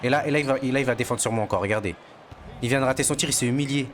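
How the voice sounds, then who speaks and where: A man's voice: medium pitch, rapid-fire. Boastful young man commentating his game. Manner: boastful, excitable, slangy trash talk to viewers. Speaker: gaming streamer. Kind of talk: casual gameplay commentary.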